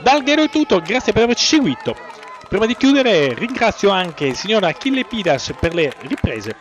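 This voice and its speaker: A man giving excitable sports commentary on a youth football match as its commentator. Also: sits high, brisk, a faint crowd, slight background noise. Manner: excitable, swells on chances and goals. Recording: dull lo-fi audio, faint music.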